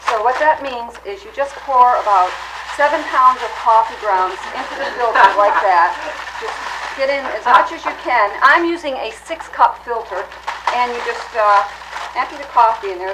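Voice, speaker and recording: A woman hosting a comedy cooking segment, explaining absurd claims in an earnest, deadpan way. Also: fairly high pitch, normal speed, background noise. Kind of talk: deadpan mock cooking demonstration.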